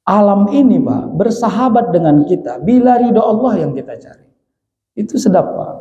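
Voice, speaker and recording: High-voiced preacher. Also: male voice, normal speed, a little hiss or hum. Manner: lively storytelling, often calls out to the congregation. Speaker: Islamic preacher. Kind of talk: humorous mosque sermon. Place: mosque hall. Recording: echoey, dull lo-fi mosque hall.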